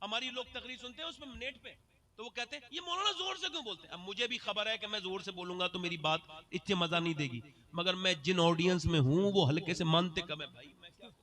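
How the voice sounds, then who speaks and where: Impassioned high-voiced preacher, man. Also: fast. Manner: swings from soft asides to high shouted climaxes. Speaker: religious speaker at a gathering. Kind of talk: impassioned sermon, leading crowd chants.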